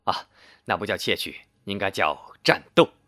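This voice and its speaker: A man voicing a calm, friendly middle-aged police chief who explains things at length in a smiling, reassuring way. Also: sits low, normal speed, no echo, clean studio sound.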